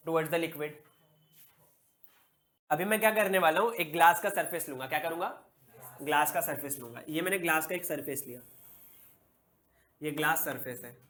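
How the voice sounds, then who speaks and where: A male physics teacher giving a classroom lecture, posing questions and answering them himself, repeating key words slowly. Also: fairly high pitch, a bit bright.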